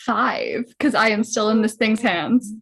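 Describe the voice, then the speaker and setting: A woman playing in a tabletop game, asking questions in an excitable way. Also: on the high side, a little slow, gravelly, breathy edge. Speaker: player. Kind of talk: casual play banter.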